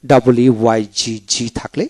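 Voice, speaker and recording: A man's voice: mid-range voice, steady tone, moderate pace, darkish tone. A man giving a video lecture that walks through a pronunciation book, repeating example words to model how they sound. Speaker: teacher.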